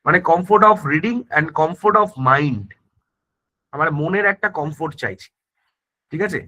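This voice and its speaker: A male teacher talks the class through exam prep, his voice high-pitched and ringing bright. he keeps checking that everyone follows, throws in tag questions and often stops to restart a word. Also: animated, slow, poor audio. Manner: frequent self-corrections and restarts. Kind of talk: online exam-prep grammar lesson.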